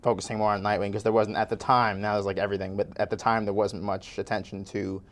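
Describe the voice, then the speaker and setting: A young man from Chile with a fairly low voice, a guest on an interview show. He talks at length about his work in a loose, rambling way and leans on "like" a lot. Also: level tone, fast. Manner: rambling, with many "like"s. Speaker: guest filmmaker. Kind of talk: casual interview chat.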